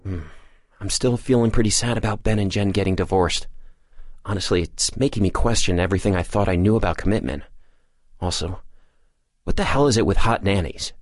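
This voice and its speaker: A man acting a solemn, deadpan broadcast announcer in a comedy sketch. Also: lowish voice, a little fast, dry recording, studio quality, natural voice. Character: solemn broadcast announcer moping over celebrity gossip.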